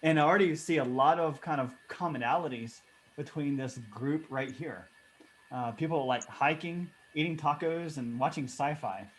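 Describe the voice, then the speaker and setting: A man's voice: on the high side, moderate pace, slight background noise. A man facilitating an online workshop over a video call, talking casually with many fillers and restarts.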